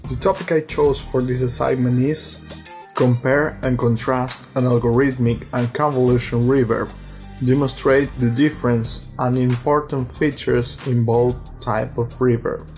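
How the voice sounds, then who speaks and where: Man, Portuguese and Spanish speaker, even flat tone, careful lesson narration, faint music behind. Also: mid-range voice. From Brazil, raised in Argentina. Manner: slow, careful, explanatory. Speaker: student. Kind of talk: recorded lesson voice-over.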